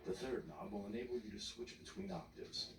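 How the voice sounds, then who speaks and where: A man giving scripted, step-by-step instruction in a measured, explanatory manner. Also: fairly low pitch. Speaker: instructor, tutorial narrator. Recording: roomy, distant mic, music behind.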